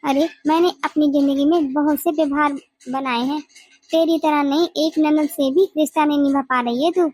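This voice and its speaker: A woman's voice: sits high, steady tone, normal speed, a little mellow, close to an everyday voice. A woman voicing a bossy, scolding mother-in-law in a family cartoon. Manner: nagging, scolding.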